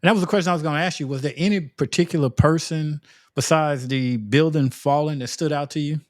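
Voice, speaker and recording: A male interviewer asking loose, halting questions full of fillers in a casual interview. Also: on the high side, dry recording, studio quality.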